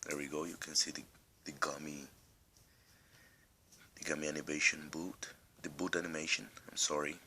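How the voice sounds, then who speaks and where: A man with an extremely low, gravelly voice and a non-native accent talks through a phone tutorial in a casual, rambling way. His tone is bright and forceful on top of that deep growl, a little husky, and he has a nagging cough. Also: little pitch movement, moderate pace, long pauses, a little hiss or hum. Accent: non-native English accent. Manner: rambling, restarts often, step-by-step. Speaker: tech tutorial host.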